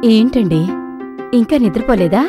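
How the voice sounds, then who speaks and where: Actress as quick-tongued mum, high lively voice, score playing behind. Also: female voice, music in the background, natural voice. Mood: coaxing. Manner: scolding, brisk. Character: sharp-tongued middle-aged mother and wife. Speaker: mother. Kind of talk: film comedy dialogue.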